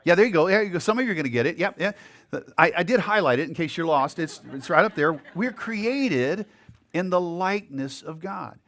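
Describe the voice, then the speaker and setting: Guy pastor preaching in church, chatty and animated, voice sits a bit high, talks right to the crowd. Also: brisk. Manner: conversational, animated preaching with asides to the congregation. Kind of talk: sermon. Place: church sanctuary. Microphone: handheld or headset mic.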